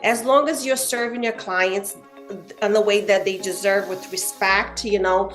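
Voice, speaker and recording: A woman from Brazil, a guest realtor speaking in a casual interview, earnest and animated, with frequent "you know" fillers. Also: mid-range voice, a little slow, soft background music.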